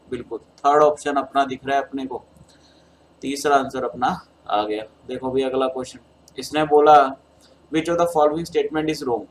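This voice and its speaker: In an exam solution lecture, a man with a Hindi accent and a sore throat talks his students through each step of a chemistry paper, addressing them as beta. His pitch is medium. The recording is poor and carries slight background noise.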